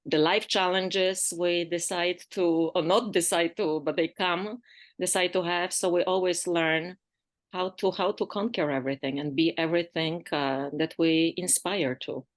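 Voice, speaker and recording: A woman in her sixties with a Polish accent, her voice sitting on the lower side. She talks as a podcast guest, reflective and philosophical, pausing on fillers and restarting her sentences. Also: steady tone. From Poland. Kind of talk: reflective interview conversation.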